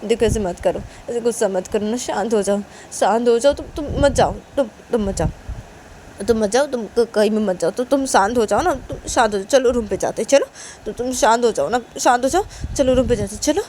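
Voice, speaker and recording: A woman voicing Uma, a gentle young woman who softly pleads with her partner, repeating her words to calm them. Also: mid-range voice, a little fast, slight background noise, natural voice. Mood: soothing. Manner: soft coaxing repetition.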